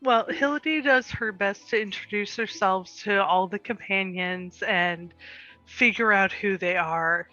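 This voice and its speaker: Female game player, caring, slow delivery, bright edge, casual in-character talk over faint music. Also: medium pitch, dry recording, muffled recording. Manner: caring, nurturing. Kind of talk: casual in-character role-play.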